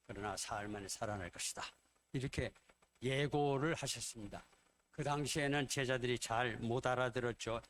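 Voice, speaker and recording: A man's voice: mid-range voice, normal speed, fairly bright tone. A man pastor preaching a sermon in Korean, retelling scenes and acting out the quoted dialogue.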